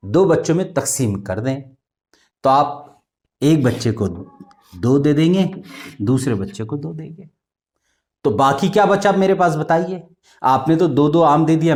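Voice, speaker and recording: A man with explains arithmetic in a slow, patient classroom manner. He poses questions to the pupils and chants times tables in a singsong. His voice swings widely in pitch, rising on questions and dropping low at the ends of lines. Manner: recites multiplication tables in a singsong way. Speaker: math teacher. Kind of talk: classroom lesson.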